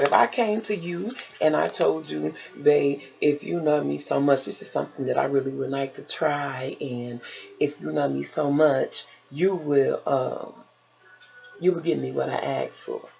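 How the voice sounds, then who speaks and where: With a low, gravelly voice, a woman vlogger tells stories in a casual, animated way, emphatic and theatrical, often acting out conversations and tossing out rhetorical questions. The recording sounds muffled.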